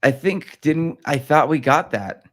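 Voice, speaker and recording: A man's voice: fairly high pitch, measured pace, a bit bright. A man chatting as a guest in a casual talk, wry and jokey. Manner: jokey, wry, laughs often. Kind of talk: casual chat.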